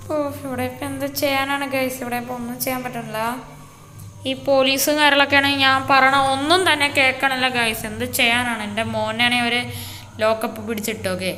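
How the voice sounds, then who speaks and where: A woman's voice: sits high, flat delivery, fast, sharp tone, faint music behind. A woman hosting a gaming channel, narrating gameplay in a rambling way and often saying okay. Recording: echoey room, faint hiss.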